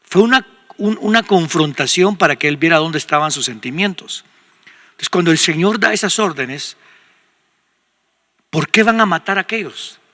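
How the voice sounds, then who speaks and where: A man's voice: fairly high pitch, expressive, moderate pace, pauses often, pushed and bright, in a large hall. An older man with a Guatemalan Spanish accent, a pastor and radio host giving pastoral counsel in a conversational, emphatic way. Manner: conversational, emphatic, acts out quoted speech.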